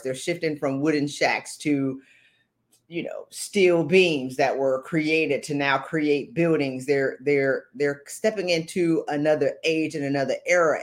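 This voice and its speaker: Blunt, emphatic woman giving a motivational talk. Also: low-pitched. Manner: blunt, emphatic, repeats phrases for effect. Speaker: motivational speaker and podcaster. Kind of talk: motivational talk, informal and direct.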